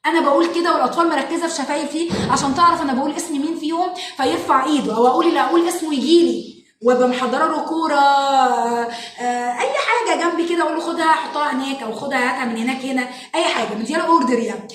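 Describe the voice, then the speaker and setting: Egyptian lady explaining kids' activities to parents, high voice, lively, sounds a bit far off in a roomy space. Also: very fast, a little hiss or hum. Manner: animated, demonstrates by acting out children and whispers. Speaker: parenting educator and show host. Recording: echoey room, mic at a distance.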